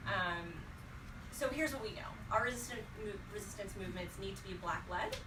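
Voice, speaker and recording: A woman's voice: mid-range voice, expressive, moderate pace. A woman from North Carolina giving prepared remarks as a panel speaker to a group. She speaks in a direct, impassioned way with frequent "um" fillers. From North Carolina, USA. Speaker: panel speaker at an organizing event. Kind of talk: prepared speech delivered to a group. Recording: roomy, distant mic, clear background noise.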